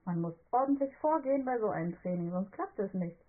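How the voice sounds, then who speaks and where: A woman voicing a bossy, eager young girl who talks in a commanding, excitable way. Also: mid-range voice, a little fast, phone-quality sound, natural voice. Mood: insistent.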